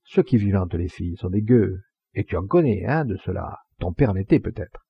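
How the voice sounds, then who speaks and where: Proud hot-headed poacher, read by a man: gravelly, husky, low, scornful bite, dull lo-fi sound. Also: expressive, brisk, no echo, heavily acted. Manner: scornful, fiery retorts.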